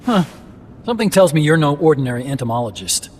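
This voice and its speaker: A man's voice: on the high side, very animated, quick pace, a little hiss or hum. A man voicing an earnest, talkative robotics engineer in a video game, explaining things in precise technical terms. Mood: earnest, explanatory. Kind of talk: game voice acting, expository dialogue. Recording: music behind the voice.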